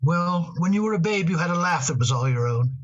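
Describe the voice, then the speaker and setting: A man acting in an old radio drama as a tender father talking fondly to his daughter, gentle and a little halting. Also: fairly high pitch, expressive, dull audio.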